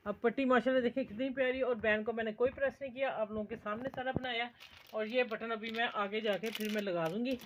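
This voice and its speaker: A woman's voice: medium pitch, highs cut off, slight background noise. Chatty Pakistani woman teaching sewing. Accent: Urdu, Pakistani. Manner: homely, chatty, encouraging. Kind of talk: stitching tutorial.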